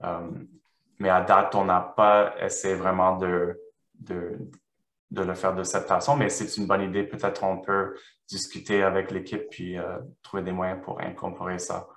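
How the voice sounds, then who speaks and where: A low-voiced man presents research in French with a foreign, non-native accent. He feels his way haltingly through academic explanations, searching for words. The sound is roomy and echoing. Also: flat delivery, a bit bright. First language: not French. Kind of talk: academic presentation and question answering.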